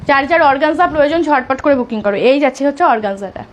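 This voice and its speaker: A woman selling sarees on a live stream, talking softly because of a sore throat and urging viewers to book fast. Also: high-pitched, animated, slight background noise. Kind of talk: live sales pitch.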